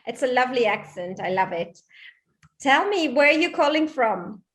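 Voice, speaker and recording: A woman's voice: high voice, big pitch swings, moderate pace, a bit bright. A woman interviewing a guest over a video call, asking short, simple questions. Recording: echoey video call audio.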